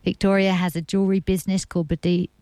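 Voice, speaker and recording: Lady presenting a radio interview show, lowish voice, measured wording, very dry studio-ish sound. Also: little pitch movement, dark tone, smooth, dry recording. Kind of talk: scripted introduction and interview.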